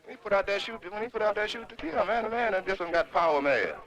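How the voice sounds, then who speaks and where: A man's voice: high-pitched, animated, fast talker, fairly bright tone. A man in heated street talk, slangy, emphatic and rambling as he is interviewed. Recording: lo-fi 1960s film sound with crowd.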